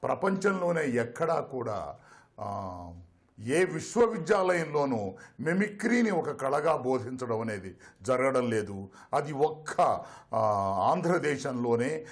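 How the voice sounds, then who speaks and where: A man's voice: medium pitch, sing-song, slow pace. Man speaking in elaborate formal phrases. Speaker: interviewee. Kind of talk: formal interview speech.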